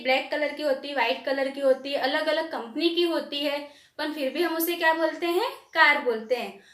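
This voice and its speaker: The teacher here is a woman with a high, slightly bright voice, taking young children through grammar. She reads definitions out slowly and supplies the answers to her own questions, and the sound is roomy.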